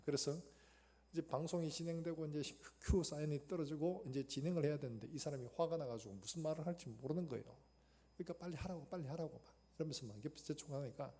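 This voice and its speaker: A male pastor preaching a sermon, retelling a story and acting out its quoted lines with sudden loud bursts. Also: medium pitch, vocal fry. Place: church sanctuary.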